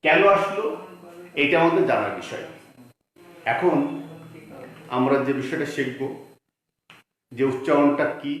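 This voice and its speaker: A man with a Bangladeshi Bengali accent teaching a grammar lesson, explaining slowly, repeating words and asking rhetorical questions. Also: on the high side, fairly bright tone. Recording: very echoey room.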